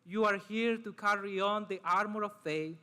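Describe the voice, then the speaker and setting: The speaker is a young Salvadoran student addressing a commencement in a formal prepared speech, his bright voice high-pitched and smooth. A first-language Spanish speaker, he sounds earnest and measured, pausing between short phrases.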